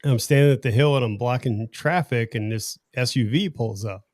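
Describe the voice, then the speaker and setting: A man hosting a casual livestream, telling a story in an animated, joking way. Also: mid-range voice, no room sound, clean studio sound. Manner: animated storyteller, quick jokes and laughs. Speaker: livestream host.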